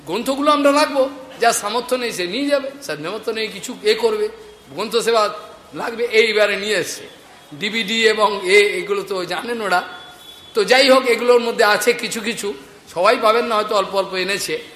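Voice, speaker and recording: Preacher guy, high bright voice, big echoey hall w faint background hum. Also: a little fast. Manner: storytelling with laughs, retelling a conversation. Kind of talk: devotional sermon. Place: hall in a market.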